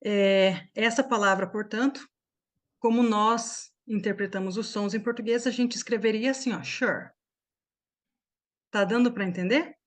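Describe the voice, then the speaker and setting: A Brazilian woman teaches English online through a computer microphone, her voice steady and pitched in the ordinary middle range. She explains slowly, one step at a time, and keeps asking questions to make sure her students are keeping up.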